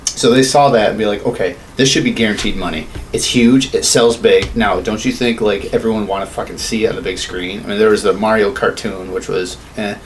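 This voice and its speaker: A man in his thirties co-hosts a podcast, speaking fairly quickly in a lowish voice with fairly even intonation. The casual, opinionated film and game chat is full of rambling and frequent swearing. Clear background room noise is audible in his small indoor home studio.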